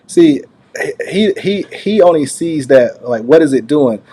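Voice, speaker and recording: A man's voice: on the high side, lively intonation, unhurried, warm tone, breathy edge. A man hosting his own channel, giving casual unscripted commentary in a rambling, conversational way that circles back over his phrases. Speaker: online channel host reacting to a recorded call.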